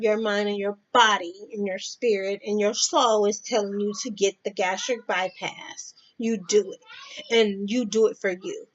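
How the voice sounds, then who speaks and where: A woman giving blunt, profane advice in a casual vlog, talking straight to the viewer. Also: medium pitch. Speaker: vlogger. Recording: dull lo-fi sound.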